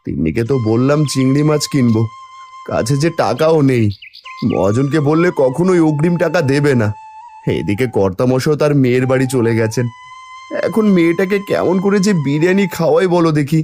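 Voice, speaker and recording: A man's voice: mid-range voice, animated, a little fast, darkish tone, faint music behind, lightly acted. Man voicing a worried village father. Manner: anxious, fatherly, urgent.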